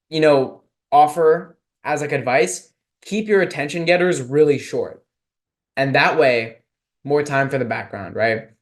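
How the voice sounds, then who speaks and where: A young man from Texas, giving a casual, filler-heavy online lecture on speech and debate with questions from listeners. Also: a little high.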